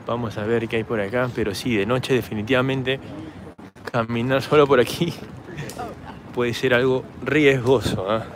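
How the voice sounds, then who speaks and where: Hoarse Peruvian man vlogging outdoors. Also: mid-range voice, fairly even intonation, a little slow, slight background noise. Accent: Peruvian Spanish. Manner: chatty, rambling, talks straight to camera while walking. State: hoarse from shouting. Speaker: travel vlogger. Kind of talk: casual walking vlog. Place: city park and streets at night, outdoors. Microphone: handheld camera.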